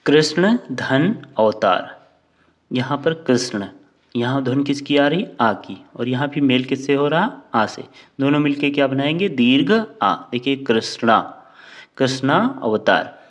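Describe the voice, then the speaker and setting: A man's voice: medium pitch, lo-fi sound. A man teaching a grammar lesson. He asks a question and then answers it himself, drawing out each example word. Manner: slow, drawn-out words when spelling out examples.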